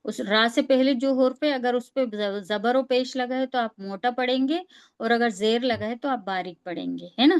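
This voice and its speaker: A woman teaches Quran reading over a video call. Her voice is a touch high and sounds smooth and clear. She works through each step patiently and checks that her student understands. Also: poor audio. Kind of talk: online reading lesson.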